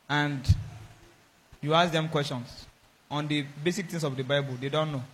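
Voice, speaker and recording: A man preaching a sermon, acting out dialogues with animated, raised voices. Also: a little high. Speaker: pastor.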